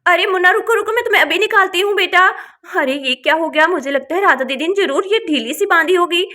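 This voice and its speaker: A woman's voice: very high-pitched, fast, pushed and bright. A woman voicing a young village woman who frets and pleads while minding her sister's baby in a doll story. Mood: fretful. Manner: fretful, pleading.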